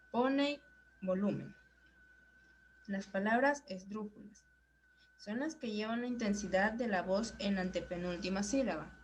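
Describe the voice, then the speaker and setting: A young woman from Ecuador, a psychology student, reading a class presentation aloud in a steady, careful way. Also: mid-range voice, a little hiss or hum, poor audio.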